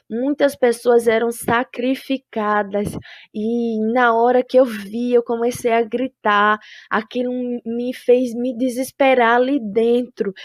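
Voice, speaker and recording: A woman recounting a religious vision in a solemn, deliberate way. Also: a little high, a little mellow, no room sound, studio quality. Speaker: person giving a testimony.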